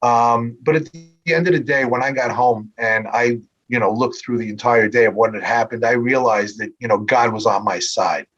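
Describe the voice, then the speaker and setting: Older male guest, rambling storyteller, mid-pitched, dull lo-fi audio. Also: steady tone, normal speed, a bit bright. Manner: rambling storyteller with many ums and restarts. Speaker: podcast guest. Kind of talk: storytelling interview. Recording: dull lo-fi sound.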